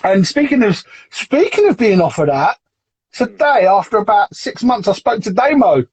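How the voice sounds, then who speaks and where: A man's voice: sits high, very animated, moderate pace, a little mellow, husky, no room sound, low-quality recording. A man hosting a casual chat, teasing his guest and laughing often. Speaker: host, team manager.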